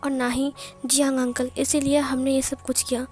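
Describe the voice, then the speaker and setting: Woman reading as an earnest young guy defending his love, high flat voice. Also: normal speed, soft background music, close to an everyday voice.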